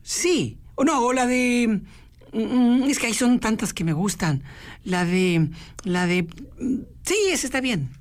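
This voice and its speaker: A woman's voice: a little high, measured pace. A woman with a Mexican accent hosting a radio music program, chatting casually and acting out little voices. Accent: Mexican Spanish. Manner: chatty, animated, acts out voices in quotes. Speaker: radio host.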